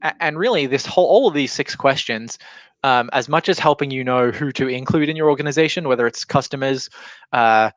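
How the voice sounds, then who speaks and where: In an informal explanatory talk, a man working as a business trainer speaks a little fast in a slightly bright, mid-range voice. He's conversational, illustrating points with imagined quotes. There's no room sound, and an alarm rings in the background.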